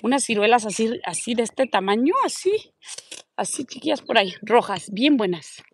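A woman chatting casually into her phone while she walks outdoors, and she coos in a high voice at the dogs she passes. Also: lively intonation, normal speed, a little hiss or hum. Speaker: vlogger. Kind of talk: casual walking vlog. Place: outdoors on a neighborhood street. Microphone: phone held while walking.

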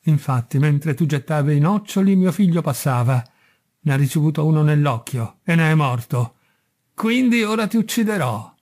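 A man reading aloud as an enormous vengeful genie from a storybook, delivering stern, unbending verdicts. The voice sits somewhat high yet sounds mellow and warm. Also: animated, moderate pace. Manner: stern, unyielding pronouncements. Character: huge vengeful male genie with a sword.

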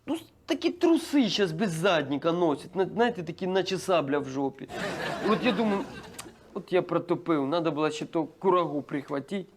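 An actor playing a naive, dim-witted village pop star who sounds bewildered, stammers and mixes Russian words into Ukrainian, in a comedy sketch. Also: male voice, a little high, animated, brisk, a little hiss or hum, natural voice.

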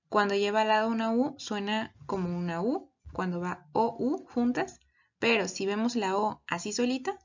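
A woman teaching young children a lesson in two languages, recorded at her computer, giving slow, patient, step-by-step instructions. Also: mid-range voice, lo-fi sound. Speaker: kindergarten teacher. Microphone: computer microphone.

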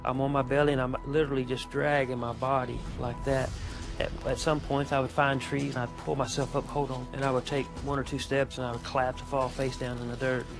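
A man gives halting personal testimony about a traumatic night. His voice is gravelly and stays flat and even. Music plays behind him. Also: mid-range voice. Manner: halting, quiet, haunted retelling. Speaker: guest recounting a family tragedy.

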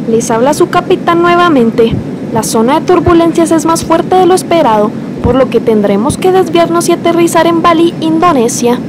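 A woman's voice: extremely high pitch, normal speed, noisy background. A woman playing an airline captain who gives formal airport-style announcements to passengers. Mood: calm, official. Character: airline captain giving calm flight announcements.

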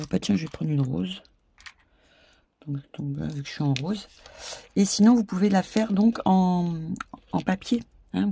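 A woman's voice: fairly low pitch, creaky, warm tone, slight background noise. A woman hosting a casual crafting tutorial, chatting and narrating her steps as she works. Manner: chatty, talks while working, many fillers. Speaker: crafting video host.

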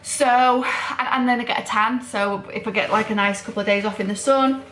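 A woman's voice: fairly high pitch, fairly even intonation, brisk, a bit bright. Tired girl vlogging at home, chatty and rambly, bit of room echo and faint hiss. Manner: rambling, chatty, self-deprecating, lots of fillers. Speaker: student nurse vlogger. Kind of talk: casual chatty vlog. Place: home, indoors. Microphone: camera set down nearby.

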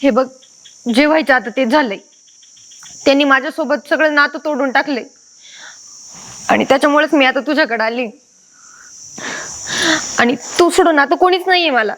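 An actress playing a remorseful young village wife with a rural Maharashtra accent, pleading and tearful. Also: female voice, sits high, moderate pace, pauses often, fairly bright tone, slight background noise. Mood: desperate. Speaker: actor. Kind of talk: rural Marathi short-film acting.

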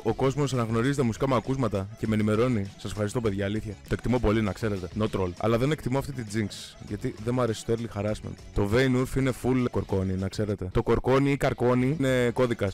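A young man giving casual, excitable gameplay commentary, swearing and breaking into sudden shouts, his voice strained from shouting. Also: medium pitch. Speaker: gamer streamer.

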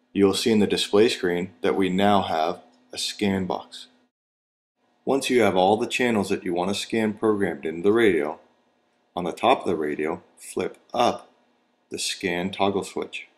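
A low-pitched man reads scripted narration for a training video, delivering instructions in a measured, plain, step-by-step way.

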